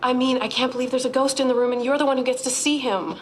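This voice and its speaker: Excitable young female assistant, woman plays it high and gushing, TV drama mix with faint noise. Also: quick pace, lightly acted. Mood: excited.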